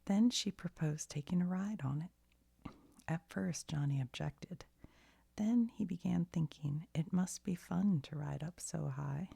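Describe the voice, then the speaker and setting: In ASMR style, a woman softly reads a bedtime story with a gentle storybook manner, using a deep, hushed, breathy half-whisper. She goes a little slow, and the recording is dry.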